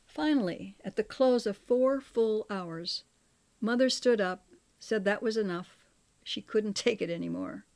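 Older woman reading her own memoir. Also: mid-range voice. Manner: measured, expressive reading. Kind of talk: audiobook memoir narration.

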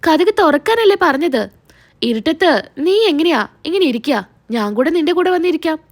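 A woman's voice: high-pitched, sing-song, normal speed. A woman voicing a scheming, pushy young man who coaxes, then turns threatening. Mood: coaxing.

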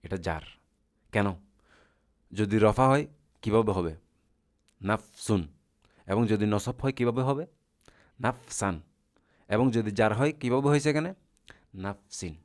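A man's voice: fairly low pitch, moderate pace, pauses often. A man teaching Arabic grammar in a lecture, asking the class questions and answering them himself in a patient, repetitive way.

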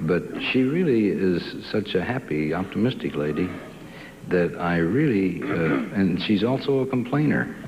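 Low-voiced man, game show contestant. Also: lively intonation, normal speed, muffled recording. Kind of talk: unscripted answering on a game show. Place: television studio. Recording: faintly noisy old TV broadcast.

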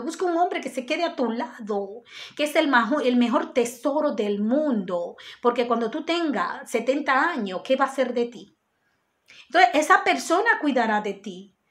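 A woman giving an earnest spiritual self-help talk, speaking straight to her viewers and repeating her points. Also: high-pitched. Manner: earnest, repetitive, addresses viewers directly. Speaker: spiritual guide.

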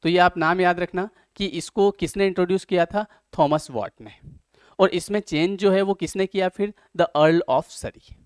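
Reading English passages slowly and answering the questions he poses himself, a man works step by step through an exam-prep lecture. His voice sits high and is clear and resonant, recorded in clean studio sound with no echo.

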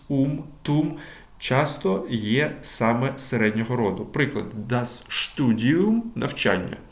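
A man giving a German lesson who hesitates, fills pauses and reads German examples slowly before translating them. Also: mid-range voice, echoey room. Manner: hesitant, frequent fillers and repeated 'відповідно'. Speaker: German language teacher.

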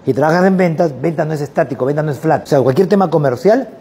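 A man with a Peruvian Spanish accent, a sales trainer telling a lively anecdote in a motivational talk. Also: on the high side, quick pace, gravelly, husky. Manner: lively anecdotal storyteller, animated and emphatic.

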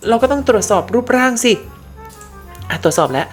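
A woman hosting a gaming channel and giving let's-play commentary in an excitable way, full of crude slang. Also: a little high, fairly quick. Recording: game music behind voice.

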